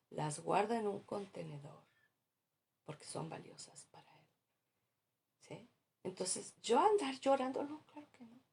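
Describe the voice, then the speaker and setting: A woman's voice: mid-range voice, vocal fry, a little mellow, slightly rough. A woman pastor preaching a sermon in an earnest, exhorting way, at times dropping to a near-whisper.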